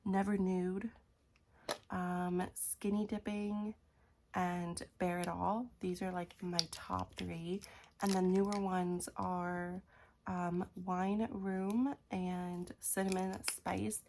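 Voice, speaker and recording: A young woman with a morning voice chatting casually as a beauty vlogger, filling her pauses with "um". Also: fairly low pitch, level tone, darkish tone, slight background noise. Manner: chatty, frequent "um" fillers. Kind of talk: casual makeup declutter chat.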